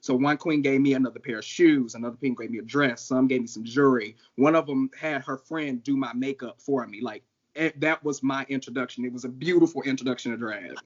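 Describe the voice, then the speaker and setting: A man in his thirties from St. Louis, Missouri, a drag performer telling his story in a casual interview, animated and quick to laugh. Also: mid-range voice. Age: 30s. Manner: animated, laughs often, acts out quoted voices. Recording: dull lo-fi audio.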